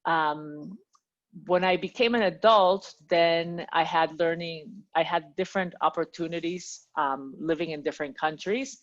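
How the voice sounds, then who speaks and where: A woman's voice: lowish voice, measured pace, muffled recording. A woman from Peru, a language teacher, chatting as a guest in a casual interview and laughing often.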